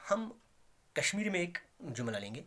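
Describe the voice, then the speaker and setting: A man's voice: high voice, sing-song, sharp tone. A man with a Kashmiri accent teaching English letters and sounds in a classroom-style lesson, repeating key words and pushing hard on his examples. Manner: explains slowly, repeats key words, rises emphatically on examples.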